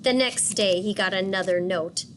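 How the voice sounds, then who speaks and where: A woman teacher reading a picture book aloud and pausing to ask children questions. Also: mid-range voice, a little hiss or hum. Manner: patient, asks questions for children.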